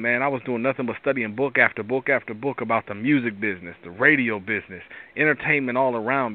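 Raspy, tired man on a phone-like line. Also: mid-range voice. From Pittsburgh area. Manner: rambling, restarts often, preachy asides. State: tired from lack of sleep. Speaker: host. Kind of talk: casual devotional talk. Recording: tinny phone-line sound.

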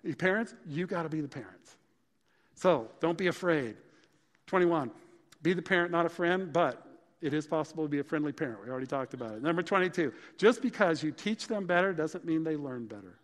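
A male pastor preaching a sermon, listing his points in a punchy, lively way. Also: a little high, fairly quick, in a large hall. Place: church sanctuary.

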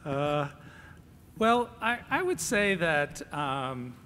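A man answering on a conference panel, hesitant at first and then measured and reasoned, speaking into a table microphone in a large hall. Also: on the high side, big pitch swings, pushed and bright.

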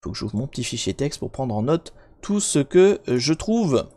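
A man hosting a live stream with a middle-pitched voice, chatting casually as he works. He rambles, fills pauses with hesitations and restarts his sentences, and jokes directly with the viewers watching. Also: very animated, dark tone. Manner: jokey, talks directly to viewers.

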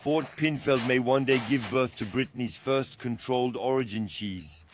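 A man narrating a food documentary in a measured, scripted way. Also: medium pitch, noisy background. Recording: voice-over with music behind.

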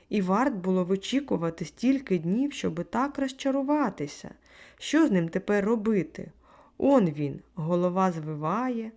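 Female audiobook narrator, low and grainy, acts out the dialogue. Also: creaky, dark tone. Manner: acts out the dialogue, raising pitch for quoted lines.

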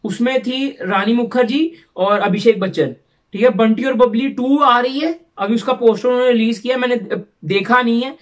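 A man's voice: very high voice, normal speed, dull audio. A man from Pakistan hosting a reaction channel, chatting casually and rambling as he drops English phrases into his talk. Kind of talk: casual chat reacting to a film trailer.

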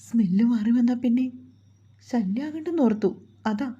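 A woman's voice: fairly high pitch, animated, moderate pace, husky, dull audio. A woman voicing a timid, apologetic young mother in a storybook reading. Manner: soft, apologetic.

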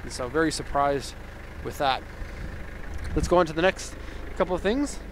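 An upbeat, enthusiastic car exporter in his thirties reviews a truck, giving casual commentary as he walks around it where it's parked in a park. His slightly high voice comes through a handheld camera mic at normal speed, with clear outdoor noise running underneath.

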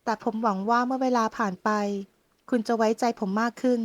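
A woman voicing a teasing young male romantic lead who speaks softly, slowly and intimately. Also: on the high side, steady tone, dry recording, natural voice. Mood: tender, teasing. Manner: soft, slow and intimate.

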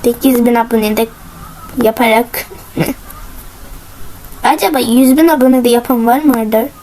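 High-voiced young woman narrating gameplay. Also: a little slow, a little hiss or hum, poor audio. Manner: excited, cheering herself on, giggly. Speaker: gaming channel host. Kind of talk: casual gameplay commentary.

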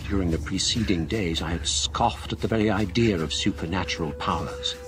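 An actor voices a scholarly middle-aged gentleman in a radio drama, gravely recounting a ghostly ordeal in measured, literary narration. His voice is low and the acting light, with a fearful, urgent mood.

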